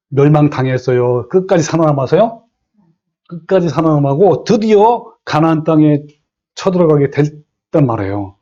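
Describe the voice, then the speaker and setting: A middle-aged man preaching a sermon as a pastor, animated, acting out quoted speech and putting questions to the congregation. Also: mid-range voice, muffled recording.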